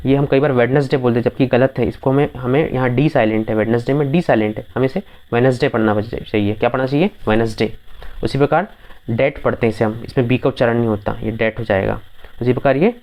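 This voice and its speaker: A man's voice: mid-range voice, quick pace, a little mellow. A man teaching English pronunciation in a video lesson, patiently repeating words and checking that his students follow.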